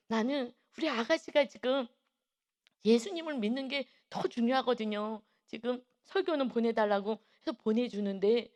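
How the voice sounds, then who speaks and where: A middle-aged woman delivers a dawn sermon in a relaxed, conversational voice that sits a little high. She drifts into personal anecdotes and briefly acts out the people in them. She clears her throat now and then as she talks. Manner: chatty storytelling, acts out quoted voices, frequent throat clearing. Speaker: preacher at a dawn service.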